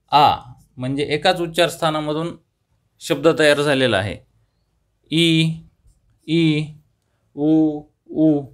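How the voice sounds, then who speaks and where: A young man gives a grammar lesson in a Marathi accent, his voice sitting a little high for a man. He speaks slowly and repeats each term. He often asks a question and then answers it himself. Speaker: teacher.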